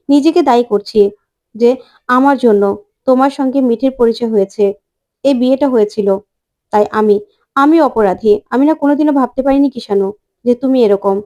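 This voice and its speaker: A woman voicing a grave older uncle who speaks quietly and blames himself. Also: sits high, brisk, long pauses, close to an everyday voice.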